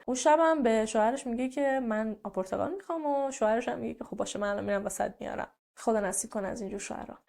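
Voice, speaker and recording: A woman's voice: high voice, darkish tone. A woman narrating a true crime case in a casual, chatty storytelling way with personal asides.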